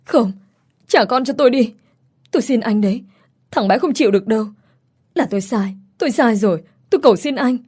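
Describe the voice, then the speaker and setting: A woman playing a frantic young mother in a spoken horror story, tearful and breathless, pleading in a high, strained voice. Her tone stays mellow underneath. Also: lively intonation, a little fast, few pauses. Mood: sobbing.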